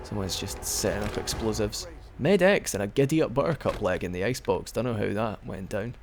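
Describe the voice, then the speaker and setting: A man's voice: on the low side, animated, brisk, music in the background. Chatty man commenting on a game. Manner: chatty and rambling, with frequent restarts. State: hiccuping. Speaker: let's play commentator. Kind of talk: casual gameplay commentary.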